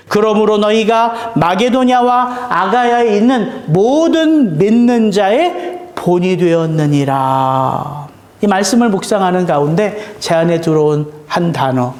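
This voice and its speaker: High-voiced man preaching in an echoey church. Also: a little mellow. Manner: earnest preaching with rhetorical questions, slowing on key words. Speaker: pastor. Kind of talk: sermon. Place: church sanctuary.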